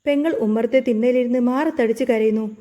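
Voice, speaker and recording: Dark-toned woman story narrator. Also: on the high side, brisk. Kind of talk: read-aloud retelling of a serial.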